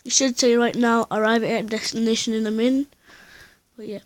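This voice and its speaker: A woman with a slightly high voice talks her way through a flight sim session at home. She rambles in a chatty, offhand way, reading out numbers and thinking aloud as she goes. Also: steady tone, normal speed. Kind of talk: casual gameplay commentary. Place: at home, indoors.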